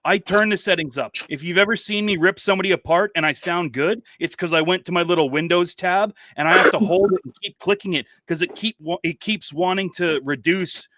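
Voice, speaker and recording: A man's voice: sits high, a little fast, hardly any pauses, bright, forceful tone, a little hiss or hum. A man chatting casually in a brash, profane, complaining manner into a desktop microphone. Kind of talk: casual group chat. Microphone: desktop USB microphone.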